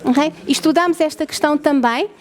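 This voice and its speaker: A woman's voice: sits high, a little fast. A woman with a European Portuguese accent, a researcher explaining her lab to visitors, often asking the audience questions and checking that they follow.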